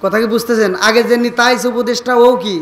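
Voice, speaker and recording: A man's voice: very high-pitched, steady tone, fairly quick, reverberant. A male preacher giving a sung sermon, chanting and weeping through a story and calling out to the crowd. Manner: chanting, weeping storytelling, shouting rises, asks crowd to respond. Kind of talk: sung Bengali waz sermon.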